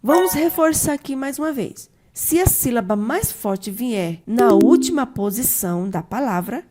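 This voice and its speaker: A woman teacher, giving an online grammar lesson step by step and slowing down to stress each example word. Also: fairly high pitch, mellow. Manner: methodical, slowly stressed example words.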